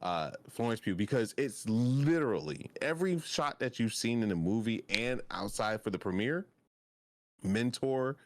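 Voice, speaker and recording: A young man co-hosting a podcast, talking in an excitable, gushing way that often trails off mid-sentence. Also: medium pitch, normal speed. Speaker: podcast co-host. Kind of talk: casual chat.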